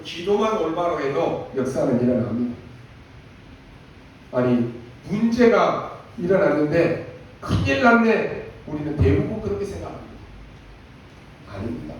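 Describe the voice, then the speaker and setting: A man's voice: fairly high pitch, darkish tone, a little hiss or hum. A male pastor delivering an emphatic sermon, acting out prayers in a raised voice. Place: church sanctuary. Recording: echoey church hall from far off.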